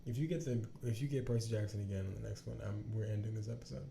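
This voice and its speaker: A man's voice: on the low side, rapid-fire, gravelly, dark tone, slight background noise. A man co-hosting a podcast in casual chat, sleepy and yawning, talking in a laid-back, rambling way that trails off. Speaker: podcast co-host.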